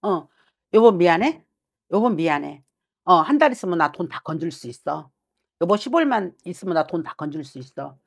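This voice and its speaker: In a lowish, breathy voice with vocal fry, a middle-aged woman speaks briskly with big swings in pitch. She's a fortune teller at her desk in a small shrine office, scolding bluntly, saying her client's private thoughts out loud and pushing hard on each point. The talk is a fortune-telling consultation.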